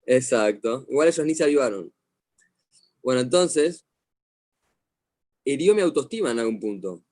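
A middle-aged man with an Argentine accent, a psychologist teaching a class over a video call, telling stories in a lively way and asking questions. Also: mid-range voice, moderate pace. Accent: Argentine Spanish. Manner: animated storyteller, asks the class questions. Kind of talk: online lecture to a class.

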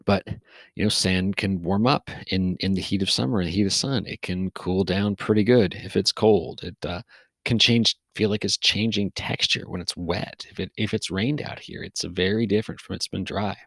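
Male solo podcaster, deep and gravelly, dry close sound, rambling and unhurried, slightly tired. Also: dry recording. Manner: rambling, relaxed, with frequent fillers and restarts. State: yawning, a little tired. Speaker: podcast host. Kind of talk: casual solo podcast monologue. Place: recorded outdoors near a forest.

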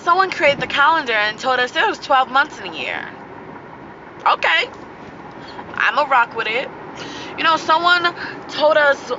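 A woman with a fairly high voice hosts a loose, slangy motivational podcast, laughing between her thoughts. The sound is muffled and a little dull. Traffic noise from a street runs clearly behind her. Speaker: podcast host. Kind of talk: casual motivational monologue.

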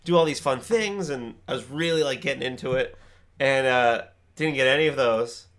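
A man co-hosting a podcast, telling a story in animated, exclamatory casual chat. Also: medium pitch, moderate pace, very noisy. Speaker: podcast co-host.

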